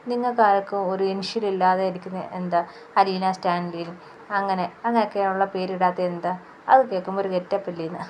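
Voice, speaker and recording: A man's voice: high-pitched, fairly even intonation, a little fast, a little hiss or hum, close to an everyday voice, rough recording. A woman voicing a stern middle-aged father with a heart condition who scolds with blunt questions. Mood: teasing.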